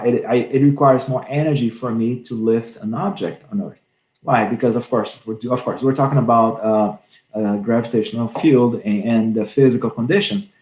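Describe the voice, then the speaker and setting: A man's voice: medium pitch, darkish tone, roomy sound, rough recording. Earnest man giving a spiritual talk. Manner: earnest, repeats and restarts often, many fillers. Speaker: spiritist speaker. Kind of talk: religious talk on scripture.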